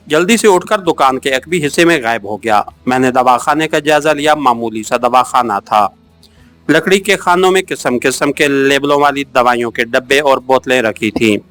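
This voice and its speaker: A man with a medium-pitched voice narrates a first-person adventure novel for an audiobook. His storytelling is steady and measured.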